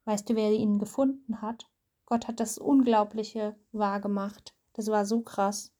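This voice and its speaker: A woman's voice: medium pitch, flat delivery, measured pace, warm tone. A mother telling and reading a Bible story to her child, explaining as she goes.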